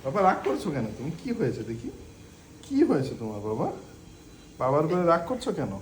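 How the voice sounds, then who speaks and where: A young father coos and coaxes his little child in a high, lively voice that leaps up and down as he plays. His tender, mock-pleading baby talk sounds through a roomy home room with a faint hum of background noise. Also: brisk. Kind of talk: playful baby talk with a toddler.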